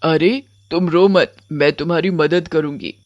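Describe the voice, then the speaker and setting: Cartoon storybook: a caring witch with a vengeful streak, voiced by a woman, calm and firm. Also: low-pitched, a little slow, muffled recording. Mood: gentle. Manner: soothing, then stern. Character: kind-hearted female witch, protective and vengeful.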